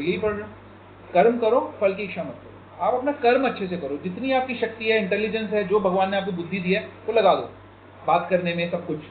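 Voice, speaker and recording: A man with a high voice gives a casual devotional talk and acts out a folk parable, switching into lively character voices. He is heard in an echoey room on a thin, phone-like recording. Faint noise hums behind him. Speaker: devotee speaker guiding a group. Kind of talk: informal spiritual talk with story-telling.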